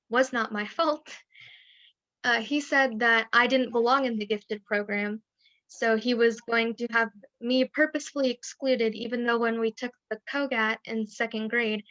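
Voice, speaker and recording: On a video call, a webinar panelist with a slightly higher-than-average, somewhat bright voice recounts something personal in a frank way, with occasional little rueful laughs. The computer mic makes her sound dry and dull, with no echo.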